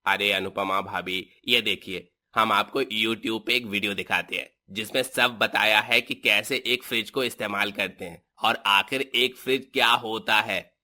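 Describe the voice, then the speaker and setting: A man's voice: lowish voice, fairly even intonation, measured pace, few pauses, sharp tone. Man doing a knowing city cousin. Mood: explaining. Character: city-bred young cousin, knowing and amused.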